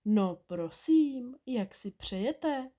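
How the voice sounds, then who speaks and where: A woman's voice: fairly high pitch, expressive, warm tone. A woman reading a storybook aloud and voicing a rude, unshaven grown man who is a thief. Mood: gruff. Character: unshaven gruff male thief, slow and rude.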